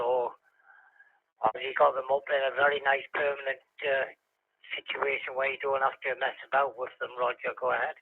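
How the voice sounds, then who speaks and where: A man's voice: mid-range voice, breathy edge. A man running an amateur radio net as net control, chatting in a friendly way and spelling call signs phonetically, heard through a tinny narrow-band radio transmission. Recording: tinny radio-link audio.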